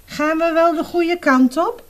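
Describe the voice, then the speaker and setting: A woman's voice: extremely high pitch, steady tone, unhurried, pitched above the performer's own voice. A woman reading aloud and voicing a jumpy, easily startled male hedgehog in a children's story. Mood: eager.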